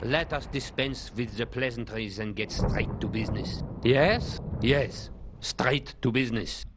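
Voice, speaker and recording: Guy doing a very old weary count for a game, haughty and aristocratic, dying, talks real slow. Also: mid-range voice, noisy background, natural voice. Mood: haughty, impatient. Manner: slow, aristocratic, theatrical old-man delivery. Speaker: game character, an aged count. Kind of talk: dramatic video game voice acting.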